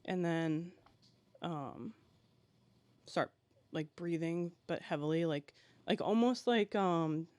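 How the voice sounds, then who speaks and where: A man guest on a podcast, telling a personal story haltingly and with emotion, full of fillers and restarts. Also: fairly high pitch, darkish tone, clear, resonant tone, no echo.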